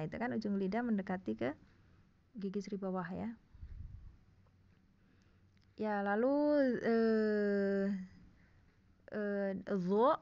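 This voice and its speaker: A woman's voice: mid-range voice, darkish tone, lo-fi sound. A woman teaching a recorded lesson, explaining casually and checking in often with her listeners. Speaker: Quran recitation teacher. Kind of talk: screen-recorded online lesson.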